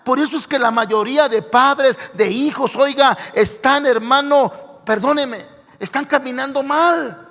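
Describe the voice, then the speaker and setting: High gravelly preacher in a church. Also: male voice. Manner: emphatic, repeats "hermano", rising to shouts. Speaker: pastor. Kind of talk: sermon. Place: church sanctuary. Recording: echoey church hall reverb.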